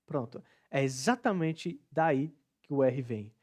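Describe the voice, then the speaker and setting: A man's voice: mid-range voice, lively intonation, slow pace, darkish tone. Chatty Brazilian man teaching pronunciation. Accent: Northeastern Brazilian Portuguese. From Northeast Brazil. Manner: chatty, demonstrates sounds by repeating words. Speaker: English teacher. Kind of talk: casual online lesson.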